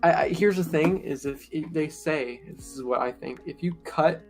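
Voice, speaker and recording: A man's voice: on the high side, normal speed. A young man co-hosting a casual movie review chat, blunt, sarcastic and full of swearing. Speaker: co-host. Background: lo-fi music.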